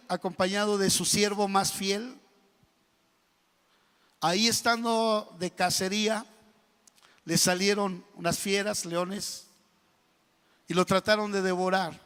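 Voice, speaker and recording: A man preaching a sermon in a church, telling a parable with lively storytelling and bursts of loud, emphatic speech. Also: high voice. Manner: storytelling preacher, building to shouts when voicing the angry king. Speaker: pastor. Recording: reverberant church hall.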